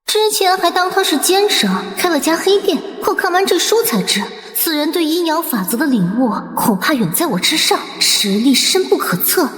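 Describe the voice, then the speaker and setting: A woman voicing a flirtatious nine-tailed fox spirit in an animated comic, pleading and stammering. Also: high voice, moderate pace, few pauses, no room sound, faint music behind. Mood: scheming.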